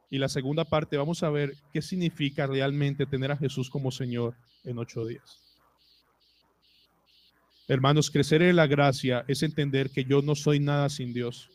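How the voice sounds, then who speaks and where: A man's voice: a little high, a little mellow. A male pastor with a Colombian Spanish accent preaching a sermon to his congregation, asking them rhetorical questions. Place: church.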